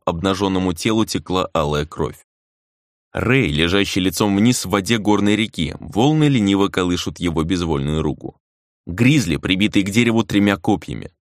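A man reading a dark fantasy novel aloud as an audiobook narrator, measured and dramatic, slowing down for emphasis. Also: low-pitched, dry recording, clean studio sound.

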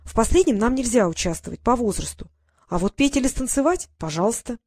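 Lively bossy fairy girl, read by a woman, raised pitch, storybook. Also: brisk, dry recording, clean studio sound. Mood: brisk.

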